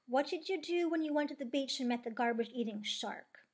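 A woman voicing a calm, gentle stuffed toy who comforts a friend. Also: high-pitched, brisk, pitched above the performer's own voice, lightly acted.

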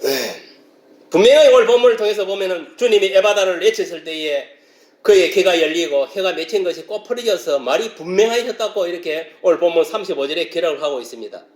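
A man preaching a sermon as pastor, explaining a passage and now and then breaking into loud shouted exclamations. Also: high voice, lively intonation, quick pace, reverberant.

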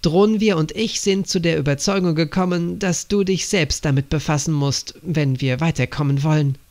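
A man's voice: a little high, normal speed, a little mellow, natural voice. A man voicing an earnest young woman agent reporting to her father in an audiobook.

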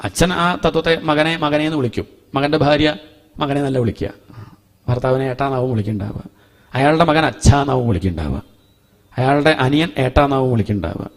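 Man giving a homely scripture talk. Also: mid-range voice. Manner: chants Sanskrit verses slowly, then explains in a homely conversational way. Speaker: Bhagavatam teacher.

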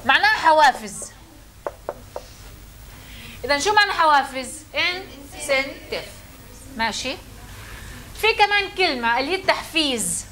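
A woman's voice: high voice, big pitch swings, moderate pace, long pauses, bright, forceful tone, slight background noise. Woman lecturing a class. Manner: questioning, calls on students.

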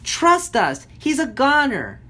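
Man voicing cheerful young female Smurf, bubbly, high, sunny. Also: huge pitch swings, slow, sharp tone, full character voice.

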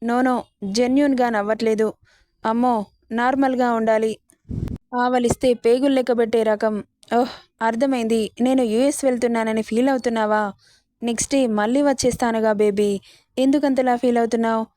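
A woman narrating a romance serial, reading all the dialogue herself in an even storytelling manner. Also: a little high, moderate pace, long pauses, no echo, studio quality.

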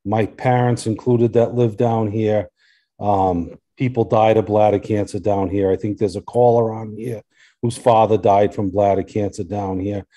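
A man's voice: fairly low pitch, steady tone, measured pace, mellow. A man speaking as a local resident at a public hearing, earnest and insistent, often repeating his points.

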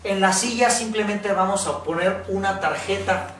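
A woman's voice: medium pitch, normal speed, far from the mic. Blunt Mexican woman in an echoey room. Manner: blunt, swears freely, checks in with "¿ok?". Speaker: workshop facilitator. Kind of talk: casual spoken workshop lesson.

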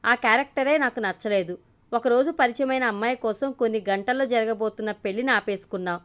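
A woman's voice: fairly high pitch, fast, a bit bright, natural voice. A woman voicing a fiery, blunt young woman in an audio story, speaking in a biting, scolding way. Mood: scornful.

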